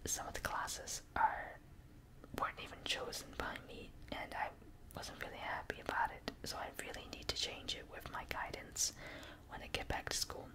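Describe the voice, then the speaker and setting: A young adult whispers a casual ASMR ramble in a soft, breathy voice, close to the listener's ears on a binaural microphone. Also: moderate pace, rough recording. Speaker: ASMR video maker.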